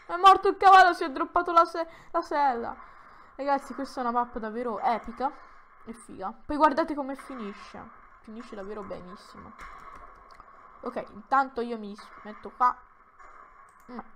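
A woman commenting on her own Minecraft play for viewers, excitable and given to dramatic exclamations while talking straight to the audience. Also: high-pitched. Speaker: gaming YouTuber.

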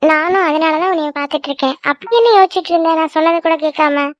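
A woman voicing a young woman in a Tamil-language cartoon, chatting in a brisk, reassuring way. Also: very high voice, dry recording, dull audio.

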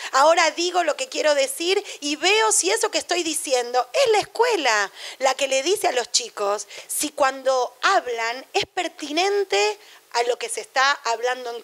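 A woman's voice: sits high, expressive, moderate pace, a bit bright. A middle-aged woman with a Rioplatense Spanish accent giving a university lecture on education in a chatty, digressive way, full of anecdotes and asides.

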